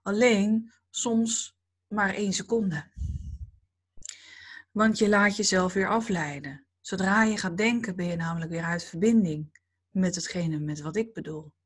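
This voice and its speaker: Woman, breathy, calm, slow, dreamy, reflective spiritual talk. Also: mid-range voice.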